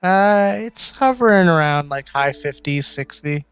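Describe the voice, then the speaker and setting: A man's voice: a little high, animated, unhurried, fairly bright tone, clean tone. A man co-hosting a casual gaming livestream on a headset, easygoing and agreeable. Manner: easygoing, agreeable, chuckles often. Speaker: podcast co-host.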